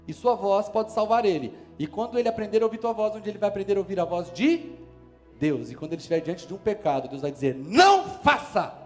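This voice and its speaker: High-voiced Brazilian pastor preaching emphatically. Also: male voice, fast, mellow, faint music behind. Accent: Brazilian Portuguese. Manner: emphatic, preaching with rising force and sudden calls. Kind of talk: sermon. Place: church service.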